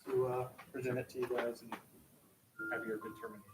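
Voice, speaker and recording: A man, a contractor, presenting options at a public meeting in a casual, halting way. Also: mid-range voice, flat delivery. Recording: distant mic with room noise.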